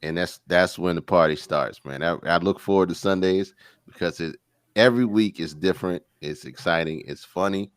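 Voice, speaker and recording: A man's voice: low-pitched, moderate pace, dry recording, studio quality. A man hosting a podcast in casual, upbeat chat, laughing easily and hyping up the audience. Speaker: podcast host.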